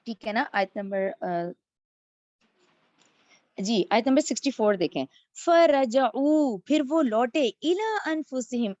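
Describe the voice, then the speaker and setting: A woman's voice: fairly high pitch, a little mellow, dry recording, dull audio. A woman teaching a verse-by-verse religious lesson, reciting Arabic phrases and then explaining each one. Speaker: Quran teacher.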